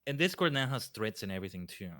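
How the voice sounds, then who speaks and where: A man with a somewhat low voice talks casually on a livestream. He rambles along as a guest, often doubling back to repeat a phrase. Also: sing-song, fast, a bit bright. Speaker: guest streamer.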